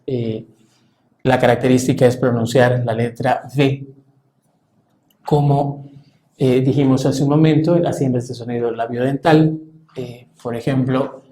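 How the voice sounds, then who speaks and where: A man teaching French pronunciation in Spanish, measured and halting, with frequent fillers. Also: mid-range voice, warm tone, roomy sound. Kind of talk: explaining pronunciation to a class.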